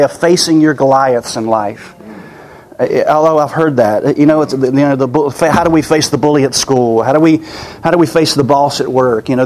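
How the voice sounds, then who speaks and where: A man's voice: mid-range voice, darkish tone, a little hiss or hum. A man preaching a sermon in an earnest way, often repeating and restarting his words, his voice weak and worn.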